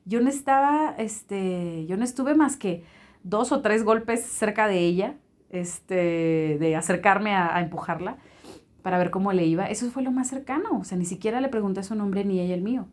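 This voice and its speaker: A woman's voice: mid-range voice, normal speed. Woman telling a faith story. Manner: animated storytelling with lively acted-out quotes. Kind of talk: personal faith testimony.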